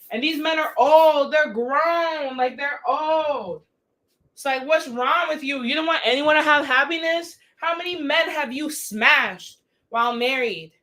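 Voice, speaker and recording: Young woman, high voice, bright tone, casual livestream rant, profane, exasperated, rhetorical questions. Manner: blunt, profane, exasperated ranting; rhetorical questions, drawn-out emphasis.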